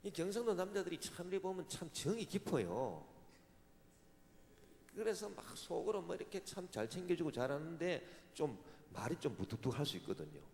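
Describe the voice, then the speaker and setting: Animated Gyeongsang pastor in a hall. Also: male voice, a little high, fairly quick. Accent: Gyeongsang Korean. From Gyeongsang Province, Korea. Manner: animated preacher, mimics voices and asks rhetorical questions. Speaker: senior pastor. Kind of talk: sermon. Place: large church sanctuary. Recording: long reverb of a large hall.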